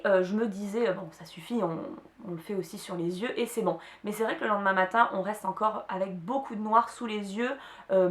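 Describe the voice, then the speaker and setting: Chatty woman vlogging in an echoey room. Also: medium pitch. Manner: chatty, many hesitations and restarts. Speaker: beauty vlogger. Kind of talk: casual product chat to camera.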